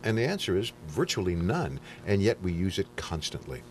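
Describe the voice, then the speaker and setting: A man talking as a guest counselor, explaining things quickly in casual studio chat with frequent restarts. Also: low voice, big pitch swings, a little hiss or hum. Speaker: guest counselor on anger management.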